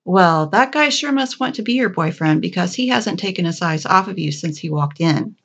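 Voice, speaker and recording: A teasing young shop coworker with a knowing tone, as a woman puts her on in a told story. Her voice is fairly low and a little dull, like a lo-fi home recording. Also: animated, normal speed, a bit bright, breathy edge, full character voice.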